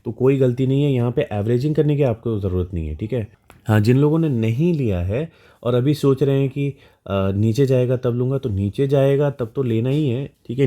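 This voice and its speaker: A stock market educator with an Indian accent walks through a stock chart in a casual, explanatory way, often checking in with his listeners. He has a medium-pitched voice with a dark tone.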